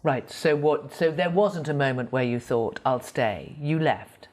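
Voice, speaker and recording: A woman's voice: a bass voice, unhurried, darkish tone. A woman interviewer putting direct, probing questions to her guest in a broadcast interview.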